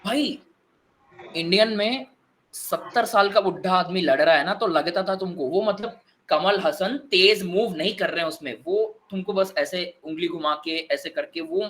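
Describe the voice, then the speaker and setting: A young man telling movie stories in an animated, excitable way in casual chat, mixing in English phrases. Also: high voice, unhurried. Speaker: guest.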